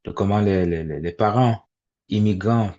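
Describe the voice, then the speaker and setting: A low-pitched man in his forties leads a webinar for parents. His talk is halting and full of fillers and repeated words, and it comes through dull, lo-fi video-call audio. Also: warm tone. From immigrant to Canada. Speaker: webinar facilitator.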